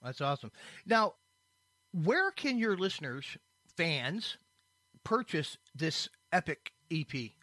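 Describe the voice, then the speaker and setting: A man's voice: fairly high pitch, very animated, slow, pauses often, pushed and bright, no echo. A man hosting a rock podcast interview, effusive and friendly, often calling his guests man and brother. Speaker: podcast host.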